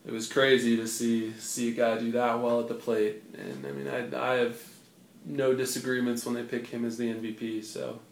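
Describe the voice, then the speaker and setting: A man's voice: medium pitch, level tone, moderate pace, gravelly, slight background noise. A young man co-hosting a casual sports podcast, with a dry, wry sense of humor. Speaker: podcast co-host. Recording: echoey room.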